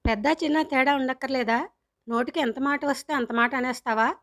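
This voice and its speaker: A woman reading a storybook, voicing a stern middle-aged father who scolds gravely and fast. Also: high-pitched, fairly bright tone.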